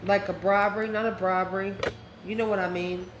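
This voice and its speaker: A tarot reader who hosts a channel gives viewers an improvised reading, thinking aloud conversationally in short phrases. Her mid-range voice is brisk with little pitch movement, and the recording has a roomy echo and faint background noise.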